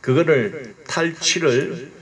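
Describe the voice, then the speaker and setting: A male pastor teaching a Bible study sermon, earnest and deliberate, stressing single words and prompting listeners. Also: medium pitch.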